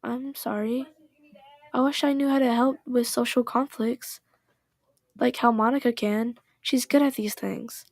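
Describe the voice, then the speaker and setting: A woman voicing a shy, bookish teenage girl as she reads game dialogue aloud, with a soft, hesitant and apologetic manner. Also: fairly high pitch, steady tone, unhurried, no echo.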